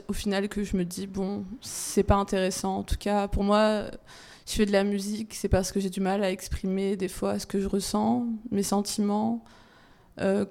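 A woman's voice: mid-range voice, mellow. Hesitant woman rapper guest. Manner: hesitant, many filler pauses. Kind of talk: casual on-air chat.

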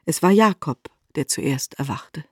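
A man narrating a literary radio drama in a measured, formal way. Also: fairly high pitch, animated, darkish tone, breathy edge, no room sound, clean studio sound.

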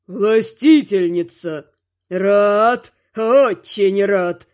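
A woman putting on a haughty male henchman from a dark fantasy court, drawling his words slowly with a sneer. The voice sits low and heavy against a woman's natural register. It is read as part of a storybook narration. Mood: haughty menacing. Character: arrogant male dark-lord henchman, menacing.

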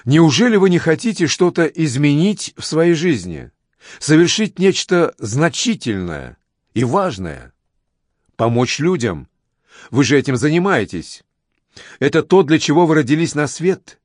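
A man's voice: a little high, unhurried, no room sound, clean studio sound, pitched above the performer's own voice. A man reading a coaxing mysterious stranger. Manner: coaxing, flattering. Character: smooth persuasive mysterious male recruiter.

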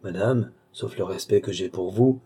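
Guy doing a huffy stubborn police chief, dark husky voice, audiobook. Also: sits low, normal speed, full character voice. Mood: indignant. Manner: indignant, defiant, loud. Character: proud, stubborn older male police chief.

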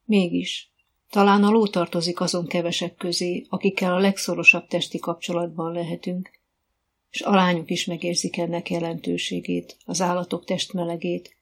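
A woman's voice: fairly low pitch, little pitch movement, gravelly, fairly bright tone, slightly rough, full character voice. A woman voicing an adult female riding instructor who is patient and encouraging, calling out commands to her pupils. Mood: soothing.

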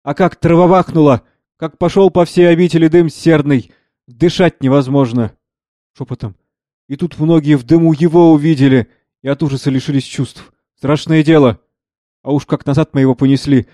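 A man reading the part of a pious old monastery monk, slow and sing-song, scornful in turns. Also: fairly high pitch, steady tone, dark tone, no room sound, clean studio sound, voice pushed up, lightly acted. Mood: grieving.

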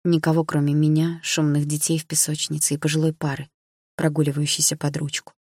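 A woman narrating a novel in the first person, calm and even, close to the mic. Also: low voice, brisk, breathy edge, dry recording. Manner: calm, even storytelling with inner thoughts. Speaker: audiobook narrator.

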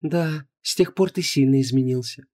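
A man's voice: on the high side, normal speed, a little mellow, voice pushed up, lightly acted. A man voicing a sweetly smiling, seductive goddess of love who speaks in a honeyed, coaxing, condescending way. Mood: persuasive.

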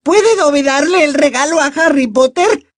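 A man voicing a small, nervous, excitable male house-elf with a squeaky, shrill voice who speaks of himself in the third person. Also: moderate pace, no echo, studio quality. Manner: refers to himself in third person, timid and eager.

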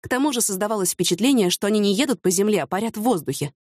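A woman's voice: medium pitch, racing, a little mellow, dry recording. Woman reading an audiobook, dry sound. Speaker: audiobook narrator. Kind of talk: scripted narration.

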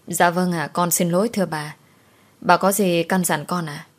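A woman's voice: fairly low pitch, steady tone, moderate pace, natural voice. A woman voicing a timid young servant girl who answers humbly. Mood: meek. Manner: humble and deferential.

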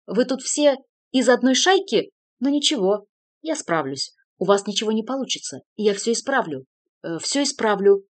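A woman voicing a hot-tempered young male count who shouts in a raised, high voice. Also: very animated, normal speed, dry recording. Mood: furious shouting.

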